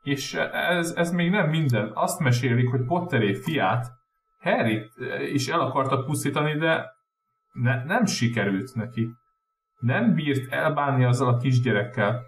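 A man's voice: medium pitch, distant mic, a little hiss or hum, close to an everyday voice. A man voicing a stern, anxious older female professor who stammers when upset, in a roomy room. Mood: shaken.

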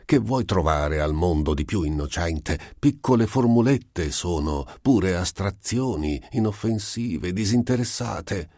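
A man's voice: animated, moderate pace, gravelly, mellow, slightly rough, dry recording, clean studio sound, heavily acted. A man reading an audiobook, voicing a timid elderly scientist who protests fussily in a raised voice. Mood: protesting. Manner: fussy, pleading, higher put-on voice. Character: elderly male scientist, timid, gently irritable.

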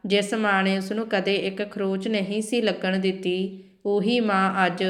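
Woman reading a moral story out loud, steady and even, mid pitch, not much melody. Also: unhurried. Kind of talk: scripted narration.

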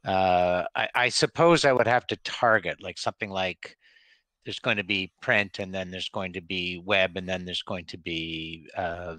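Guy on a video call, audio dropping in and out, uneven volume, lowish bright voice, hesitant. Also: steady tone, a little slow, no echo. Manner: hesitant, searching for words. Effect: uneven volume, audio cutting out. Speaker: webinar participant asking a question. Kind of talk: casual question on a video call.

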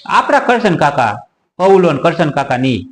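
A man's voice: fairly high pitch, very animated, normal speed. A man telling a rustic village comedy story, chatty and laughing often. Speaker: comic storyteller.

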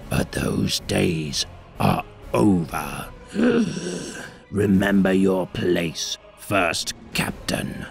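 A man voicing a grim, commanding male warlord in a slow, rasping, menacing way for an audiobook. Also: sits low, soft background music, full character voice. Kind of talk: audiobook character voice.

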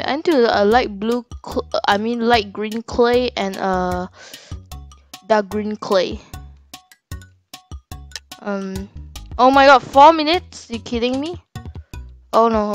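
A woman commentating her own game play, flustered and repeating herself as she panics. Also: a little high. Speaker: gaming YouTuber. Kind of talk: panicked live gameplay commentary. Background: game music.

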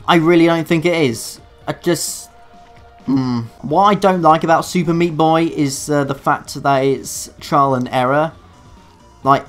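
A man commentating his own gameplay in a dark room, swearing at his failures and making sarcastic, self-mocking asides. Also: a little high. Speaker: let's play gamer. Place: dark room alone at a computer.

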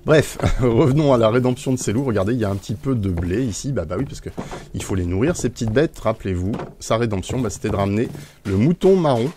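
A man's voice: lowish voice, lively intonation, fast, noisy background. A man casually commenting while playing a video game, rambling with many fillers and small chuckles. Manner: rambling, frequent "euh" fillers, chuckling asides. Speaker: Minecraft streamer.

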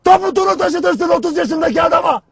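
An actor playing a stern, harsh army commander who berates his soldiers in a cold, clipped, shouted delivery. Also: extremely high pitch, a little fast, vocal fry. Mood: lecturing. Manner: cold, relentless, clipped questioning. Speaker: military commander. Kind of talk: film drama acting.

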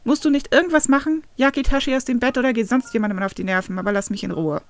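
A woman voicing a gruff, short-tempered male leader who talks in a curt, snappish way. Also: fairly high pitch, fast talker, natural voice.

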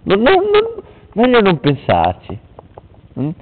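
Here the same sort of joke interview plays out at night in a room: a young man playing host, putting on an announcer voice and laughing a lot. He speaks high and slow, his pitch swooping wildly. The home video sound is tinny and lo-fi, with a loud hiss throughout.

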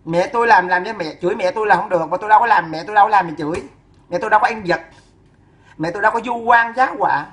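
A woman delivers a long, furious scolding rant. She fires off insults at a rapid clip, in a fierce, sing-song rhythm. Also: medium pitch, a bit bright. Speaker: woman ranting at a neighbor. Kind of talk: ranting scolding monologue.

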